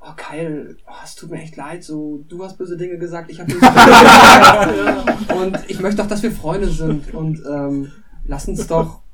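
A man's voice: fairly high pitch, steady tone, normal speed, dark tone, recorded from a distance, natural voice. A man voicing a scheming, spoiled cartoon boy who whines and turns fake-sweet.

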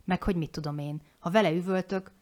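A woman in her forties talking candidly on a podcast, frank and animated, swearing casually and restarting her sentences. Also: on the low side.

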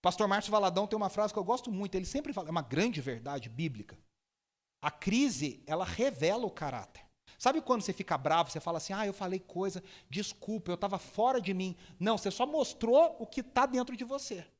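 Male preacher, high voice, lively sermon storyteller. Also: fairly quick. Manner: lively storytelling, impersonates people with sudden high shouts.

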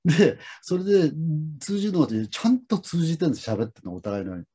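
A middle-aged man with a husky, mellow voice talks in a slow, reflective, rambling way. He hosts a relaxed conversation and fills his stories with pauses and fillers. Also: on the high side. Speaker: lesson host. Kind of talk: casual conversation.

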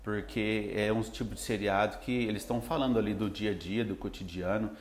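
A Brazilian man who teaches English, talking in a relaxed, rambling way with lots of fillers. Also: fairly low pitch, fairly quick, echoey room, a little hiss or hum. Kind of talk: casual podcast chat.

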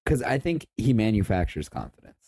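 A man's voice: on the low side, big pitch swings, a little fast, warm tone, slightly rough, no room sound. A young man co-hosting a podcast in casual chat, crude and boastful, swearing a lot. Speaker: podcast co-host.

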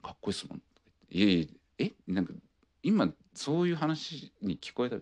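A man's voice: mid-range voice, very animated, normal speed, darkish tone. A young man in his twenties hosting a solo podcast, telling a rambling, laid-back story with lots of fillers. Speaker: podcast host. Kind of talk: casual solo chat.

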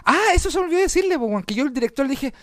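A Chilean comedian and podcast host telling stories in a casual, swearing, laugh-filled chat. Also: male voice, very high-pitched, very fast, no echo, clean studio sound. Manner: swearing, animated, laughs often.

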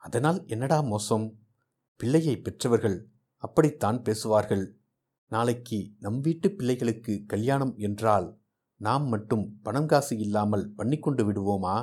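A man's voice: mid-range voice, a little slow, slightly rough. A man reading aloud voices an anxious, talkative older mother who chatters on without stopping. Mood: chattering. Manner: chattering, soft.

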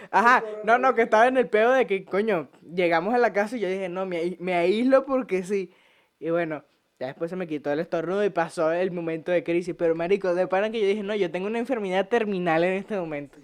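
A man's voice: sits high, a little fast. Swearing Venezuelan podcast guy. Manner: profane, joking, laughs often. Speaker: podcast host. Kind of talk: casual podcast storytelling. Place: home podcast set.

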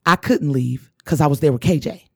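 A woman co-hosting a casual podcast, telling a personal story in a lively way and acting out what people said. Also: low-pitched, brisk, breathy edge, dry recording, studio quality. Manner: animated storyteller who acts out what people said. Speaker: podcast co-host.

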